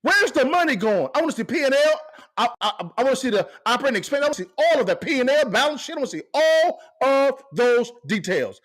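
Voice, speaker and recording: A man's voice: very high voice, sing-song, fast, fairly bright tone. A man hosting a podcast, giving fired-up commentary and asking the same pointed questions again and again. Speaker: podcast host. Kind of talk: impassioned commentary.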